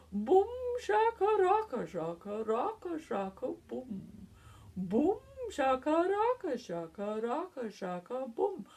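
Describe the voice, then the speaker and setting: A plummy, upper-class voice swoops grandly up and down on each phrase, as a woman puts it on. Every phrase is drawn out slowly and sits on the high side. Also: mellow, husky, heavily acted. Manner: swooping, exaggerated pitch.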